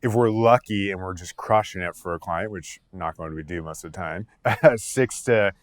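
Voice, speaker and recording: A man with a very low voice hosts a podcast in a relaxed, conversational way, agreeing easily and building his sentences loosely. The recording is dry and close, with no room sound. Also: normal speed, dry recording. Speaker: podcast host.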